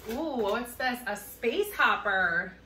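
A woman's voice: on the high side, animated, slow pace. A woman chatting casually and cheerfully as she unboxes resale items, thinking aloud. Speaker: reseller vlogger. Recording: echoey room, mic at a distance, noisy.

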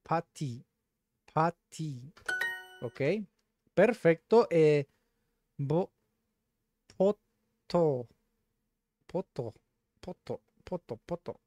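A man hosting casual language practice, repeating words slowly to sound them out. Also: fairly high pitch, expressive, dark tone. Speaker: host.

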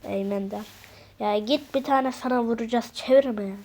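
A woman narrating a game video in a chatty, teasing way, often dropping into hushed asides. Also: on the high side, normal speed. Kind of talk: playful game narration with character voices.

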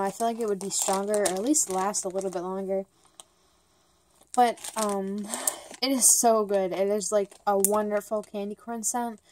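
A woman's voice: mid-range voice, darkish tone, slight background noise. A woman chatting through a casual product review at home, rambling and bubbly with lots of "like" and "um". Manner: rambling and bubbly, many "like" and "um" fillers; talks fast at times, by her own account. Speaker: vlogger reviewing wax melts.

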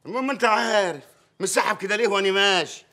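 An actor with an Egyptian accent playing a crude, tyrannical village mayor in a TV drama, barking threats. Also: male voice, high-pitched, rapid-fire, pushed and bright. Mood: mocking. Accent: Egyptian Arabic. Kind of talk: TV drama acting.

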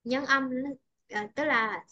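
High-pitched Vietnamese woman teaching English. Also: slow pace, bright, forceful tone, muffled recording. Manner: patient, repeats and checks understanding often. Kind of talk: online English pronunciation tutoring.

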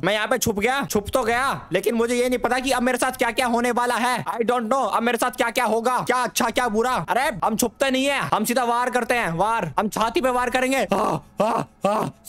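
A young male gaming YouTuber delivers comic horror game commentary in an extremely high, fairly bright voice. He rambles and jokes, taunts the ghosts in the game, repeats words in nervous streams, and yelps when frightened.

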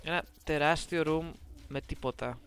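A woman giving casual let's-play commentary, playful and teasing as she chats to viewers on a close microphone. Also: deep voice. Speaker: gameplay commentator. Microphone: close desk microphone.

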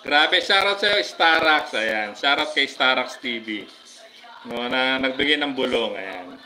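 A man with a Filipino accent, chatting casually on a live stream, giving viewers shoutouts with many fillers. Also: mid-range voice, lively intonation, measured pace, rough recording. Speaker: livestream vlogger.

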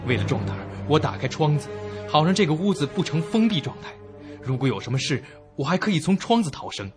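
Speaking fast over music, a man with a fairly high pitch acts the part of a jittery young man. His first-person account of a haunted inn unfolds as a suspenseful, dramatic ghost story, fearful and expressive throughout.

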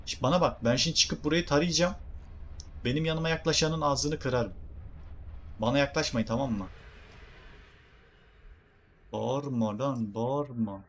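A young man with a Turkish accent doing excitable, jokey game commentary and talking to his viewers. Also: on the high side, fairly quick, long pauses, slight background noise. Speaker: gaming streamer.

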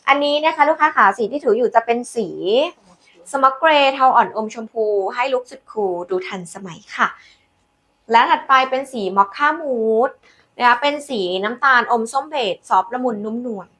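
A woman hosting a live sales pitch, demonstrating products in a chatty, coaxing way with polite endearments to customers. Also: normal speed, a bit bright. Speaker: live-selling host presenting handbags.

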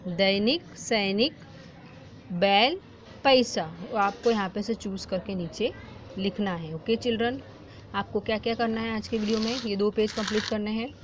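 Slow, drawn-out Indian woman teacher. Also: mid-range voice. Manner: slow, drawn-out reading of syllables, mixing in English. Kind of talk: online class lesson. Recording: dull lo-fi sound with faint background noise.

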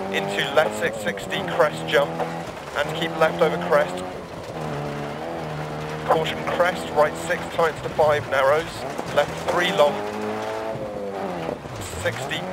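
A man playing a brisk, focused rally co-driver in a racing game, calling rapid clipped pace notes. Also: fairly high pitch, fairly even intonation, gravelly, full character voice. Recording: loud car engine noise. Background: roaring rally car engine.

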